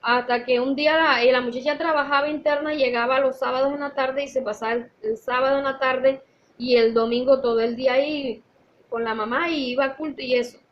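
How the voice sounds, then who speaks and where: Woman, Sunday school teacher, high voice, earnest church teaching with personal stories, dull lo-fi recording. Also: steady tone, a little fast, a little hiss or hum. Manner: earnest, storytelling, addresses listeners as brothers.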